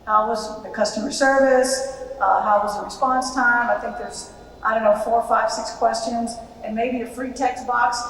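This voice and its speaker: Female American official, public presenter, slightly high voice, distant in a big reverberant hall. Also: fairly even intonation, normal speed, a bit bright. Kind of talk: public presentation with audience questions. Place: large reverberant event room. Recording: very echoey hall, distant, faint noise.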